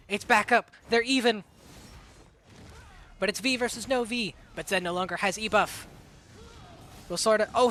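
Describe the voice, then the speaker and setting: A woman streamer giving excitable live play-by-play commentary on a game match, talking through a sore throat. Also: fairly high pitch. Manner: excitable, hyped play-by-play with quick reactions.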